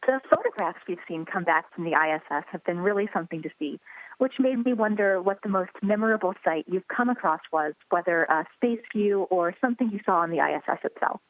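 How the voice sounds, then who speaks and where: A woman's voice: fairly low pitch, a little fast, no room sound, phone-quality sound. A woman journalist asking prepared interview questions over a phone or radio link.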